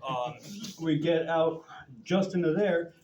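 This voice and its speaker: A man's voice: fairly high pitch, takes it slowly, dull audio. A young man doing stand-up on a club stage, telling a rambling, profane anecdote with chuckles. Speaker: stand-up comedian. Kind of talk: stand-up storytelling. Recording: roomy club with loud background noise.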